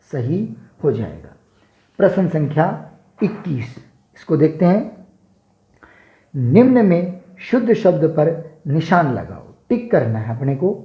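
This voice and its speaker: Slow, deliberate Hindi teacher. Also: male voice, fairly high pitch, warm tone, roomy sound, rough recording. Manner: slow, deliberate spelling drills, repeating words to show pronunciation. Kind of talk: exam-prep lesson.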